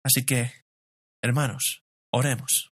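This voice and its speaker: A man's voice: mid-range voice, little pitch movement, takes it slowly, fairly bright tone, no echo. Man, middle-aged, pastor, sermon, conversational, rhetorical questions, personal stories, dry close sound.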